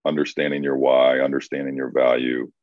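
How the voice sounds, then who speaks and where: A man's voice: a bass voice, flat delivery, fairly quick, no echo. A man, co-hosting a casual advice talk for writers, thoughtful and prone to restarting his sentences. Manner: thoughtful, restarts and repeats words. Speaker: co-host, coach for writers. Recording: dry, dull lo-fi sound.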